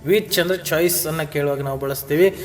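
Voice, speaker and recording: A man with a Kannada accent teaches English grammar in a video lesson, and his speaking voice sits fairly high. He reads each English example sentence slowly and deliberately. Faint music plays under his voice.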